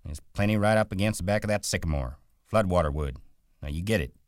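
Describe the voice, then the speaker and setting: Man doing a hot-tempered worker, scolding, exasperated, deep voice, dry close recording. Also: expressive, no echo. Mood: demanding. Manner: scolding, exasperated, quick bursts.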